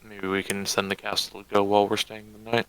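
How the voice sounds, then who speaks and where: A man's voice: fairly low pitch, completely flat delivery, fast, pushed and bright, a little hiss or hum. A man player in a tabletop game, narrating his character in a laid-back, amused way. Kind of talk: tabletop roleplay banter.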